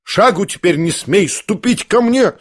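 A man reading aloud voices an imperious, hot-tempered older noblewoman who scolds in sharp exclamations. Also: a little high, lively intonation, moderate pace, slightly rough, no room sound, clean studio sound. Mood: furious.

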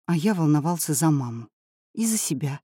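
A woman reads an audiobook aloud in an expressive storytelling manner, her pitch moving widely. Her voice is mellow and warm. The recording is dry and close. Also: a little fast, husky, dry recording. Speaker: audiobook narrator.

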